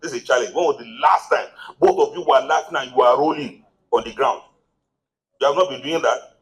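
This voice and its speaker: A man with a Nigerian accent giving a motivational marriage seminar, firing off rhetorical questions and rising to lively exclamations. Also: mid-range voice, brisk, rough recording.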